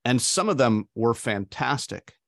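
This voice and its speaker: A man's voice: medium pitch, big pitch swings, unhurried, creaky, a bit bright, dry recording, studio quality. A guest in his forties speaking in a casual interview, hesitant and full of fillers. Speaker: podcast guest.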